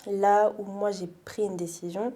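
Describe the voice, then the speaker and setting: A young woman from France, a guest in a casual interview, speaking reflectively with hesitant pauses and fillers. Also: mid-range voice, flat delivery, mellow.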